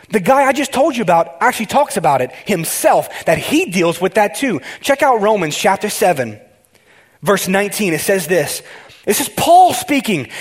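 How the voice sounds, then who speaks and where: A male pastor delivers a casual, conversational sermon in a notably high voice. He is excitable and speaks directly to his listeners, often stumbling and restarting his sentences as he gets carried along. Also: husky. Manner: excitable, talks straight to the congregation with frequent restarts.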